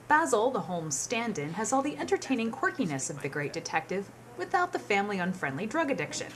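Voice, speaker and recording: A woman's voice: on the low side, a little hiss or hum. A woman presenting a scripted film countdown with wry, playful asides.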